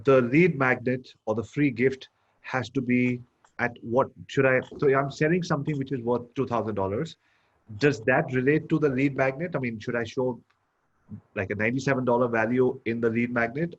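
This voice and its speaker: A man's voice: medium pitch, moderate pace. A man hosting an interview who asks long questions built around imagined scenarios. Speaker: interview host. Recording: dull lo-fi sound.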